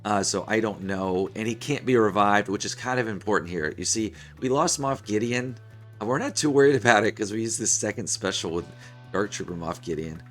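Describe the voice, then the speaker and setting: A man in his thirties with a hoarse, failing voice, giving casual game commentary as host of a gaming video. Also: on the low side, a little fast, a bit bright, soft background music. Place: small room indoors at a desk.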